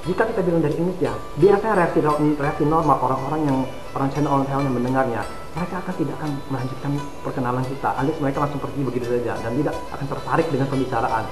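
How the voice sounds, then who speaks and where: A man talks fast as he gives a lesson of advice and keeps addressing his listeners directly. His voice rings in a roomy, echoing space. Loud instrumental music plays underneath him. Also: mid-range voice. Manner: addresses listeners repeatedly as "saudara". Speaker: Mandarin study consultant. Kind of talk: instructional talk to viewers.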